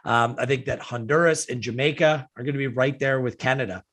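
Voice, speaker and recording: A man's voice: medium pitch, brisk. A man hosting a casual sports podcast, talking with enthusiasm. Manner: enthusiastic, excitable. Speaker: podcast host.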